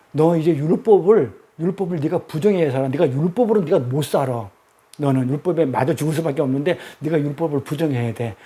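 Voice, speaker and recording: A man voicing Jesus as a gentle, loving father figure while acting out scripture in a sermon. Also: high-pitched.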